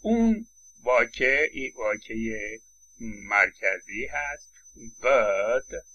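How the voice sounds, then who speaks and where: Bright-voiced man lecturing on phonetics. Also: medium pitch, animated, dull audio, slight background noise. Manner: explanatory, with frequent hesitation fillers; models vowel sounds and example words aloud. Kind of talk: university lecture.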